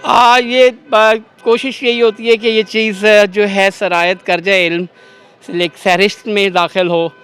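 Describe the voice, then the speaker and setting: A fairly high, smooth and resonant voice on a man in his forties from Pakistan. He speaks formally and slips into recited verse, pausing on hesitant fillers. He answers a street interviewer's questions outdoors. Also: little pitch movement, a bit bright, faint music behind. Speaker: interviewee, father.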